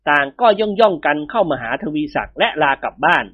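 A man narrating a story in a lively, expressive way. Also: a little high, a little fast, no echo, highs cut off.

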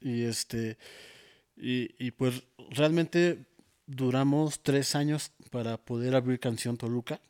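A man's voice: mid-range voice, slow pace, a little mellow, clear, resonant tone. A man with a Mexican Spanish accent, a guest in a casual interview, telling his testimony with many fillers and quoted dialogue. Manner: storytelling, quotes himself and others, many fillers. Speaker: interview guest, worship musician.

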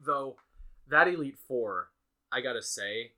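Bright-voiced young man musing casually. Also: medium pitch, expressive, a little slow. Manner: reflective, self-correcting, frequent restarts. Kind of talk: casual chat about video games.

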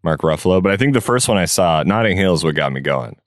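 A man's voice: sits low, lively intonation, fast talker, no room sound, studio quality. A man co-hosting a podcast, chatting casually outdoors in a backyard. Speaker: podcast co-host. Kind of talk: casual chat.

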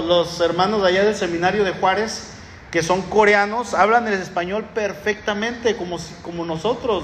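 A man's voice: high-pitched, a little hiss or hum. A man with a Mexican Spanish accent preaching a sermon, teaching from the Bible in a conversational storytelling way with frequent restarts. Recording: echoey hall with long reverb, faint ambience.

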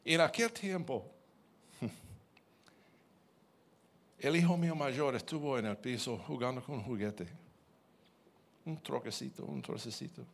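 A man preaching, telling his own testimony as a story, animated and repeating words as he goes. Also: mid-range voice, slow pace, creaky, long pauses.

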